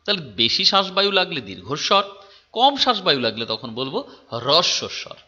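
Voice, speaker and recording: A man's voice: on the high side, sing-song, fairly quick, bright, forceful tone, highs cut off. A male teacher giving a lecture, repeating key terms, checking with his students and drawing out sounds to demonstrate them. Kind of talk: phonetics lecture.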